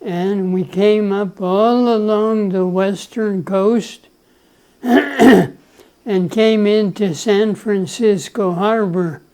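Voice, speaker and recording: Slow, mellow-voiced man in his nineties. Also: high-pitched, low-quality recording. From El Salvador. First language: Spanish. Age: 90s. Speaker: grandfather being interviewed. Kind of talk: relaxed life-story interview.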